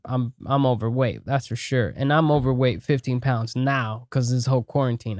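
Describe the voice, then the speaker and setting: A man's voice: on the high side, darkish tone, clear, resonant tone, dry recording, clean studio sound. A thirty-year-old man hosting a podcast, laid-back and chatty, swearing freely and calling his guest bro. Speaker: podcast host. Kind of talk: casual chat.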